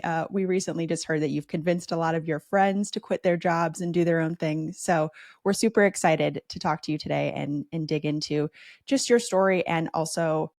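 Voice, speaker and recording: Host, woman, low voice, upbeat and eager, dry close recording. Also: dry recording. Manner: upbeat, enthusiastic, many "super" and "right?". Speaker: podcast host. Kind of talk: interview introduction and questions.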